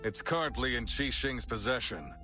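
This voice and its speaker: A stern game cop boss, firm and measured, giving orders, middle-of-the-road pitch, faint music behind. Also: male voice, expressive, sharp tone, husky. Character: stern male deputy police chief. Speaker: game character voice. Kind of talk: voiced game dialogue.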